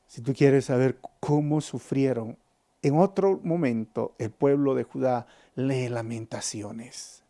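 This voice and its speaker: A man's voice: mid-range voice, slow, dark tone. A man, a pastor teaching a Bible study in an earnest storytelling manner, calling his listeners brothers.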